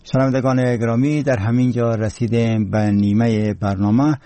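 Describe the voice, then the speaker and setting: Man, Afghan accent, solemn formal newsreader, dark mellow tone, dry studio sound. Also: medium pitch, little pitch movement, no echo. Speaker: radio announcer. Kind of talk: formal scripted radio announcing.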